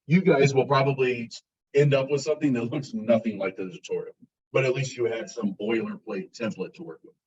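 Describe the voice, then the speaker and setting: A male college instructor giving a casual classroom lecture, relaxed and self-described as monotone. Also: medium pitch, brisk, slightly rough. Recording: muffled, distant classroom recording.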